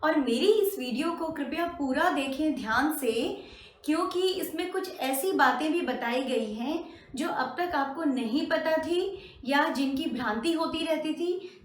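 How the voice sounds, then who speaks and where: A woman teaching a language lesson, carefully modelling each sound and repeating it in slow drills. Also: high voice. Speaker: Hindi teacher. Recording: roomy echo.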